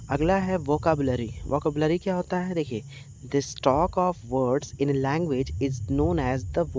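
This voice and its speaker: A man teaching an English grammar lesson in Hindi, reading English definitions slowly and then explaining them with fillers. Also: on the high side, warm tone, a little hiss or hum.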